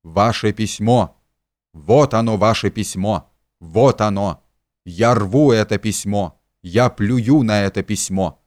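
A man's voice: mid-range voice, unhurried, no room sound, studio quality, natural voice. A man voicing a pompous, hypocritical middle-aged man who preaches and shrieks in indignation. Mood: shrieking.

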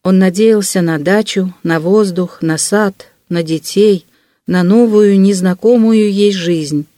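An audiobook narrator giving a measured, expressive reading of a classic novel. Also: medium pitch, no echo, studio quality.

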